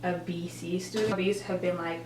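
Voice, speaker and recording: A twenty-something college student vlogger speaks in a lowish, steady voice at a moderate pace while applying makeup for a get-ready-with-me chat. Her talk is rambling and full of filler words and self-corrections. Expect a roomy echo, distant mic placement, and a faint hum.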